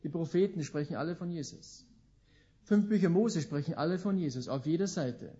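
A middle-aged man preaching a sermon, stressing key words slowly, rushing through asides, and putting rhetorical questions to his listeners. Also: fairly high pitch, mellow. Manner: emphatic, swinging between slow stressed words and quick asides. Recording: dull lo-fi recording.

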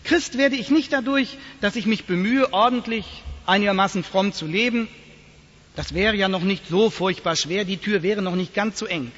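A man preaching a sermon to his congregation in a church, telling stories in a lively, animated way. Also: high voice, moderate pace. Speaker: pastor. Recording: dull lo-fi sound, long church reverb.

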